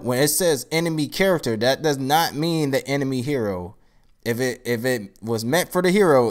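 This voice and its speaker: Groggy low-voiced man rambling. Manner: rambling, thinking aloud while explaining. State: groggy, tired from a long day. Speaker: card game creator. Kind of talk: casual live stream card showcase.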